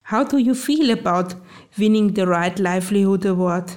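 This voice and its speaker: A woman hosting a radio show, reading a scripted introduction and asking interview questions in a clear, even delivery. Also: medium pitch, normal speed. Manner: clear, read-aloud delivery.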